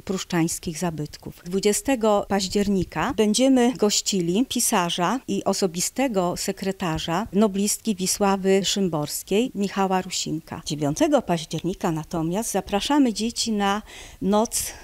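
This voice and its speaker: A woman's voice: medium pitch, measured pace, darkish tone, no room sound. Woman, middle-aged, librarian, informative, dry close sound, handheld mic. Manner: informative, listing upcoming events. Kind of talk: on-camera interview. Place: library among bookshelves. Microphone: handheld reporter mic.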